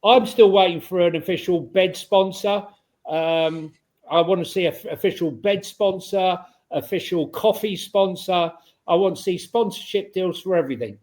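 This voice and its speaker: A man's voice: high voice, moderate pace, a little mellow. A man talking casually as a panellist on a football fan show. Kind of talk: casual chat.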